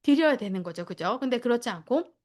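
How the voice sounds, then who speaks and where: A woman gives a lecture to daycare teachers in a high voice that rises and falls widely. She acts out what children and teachers say. She checks in with her listeners through short tag questions. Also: animated, fast, darkish tone.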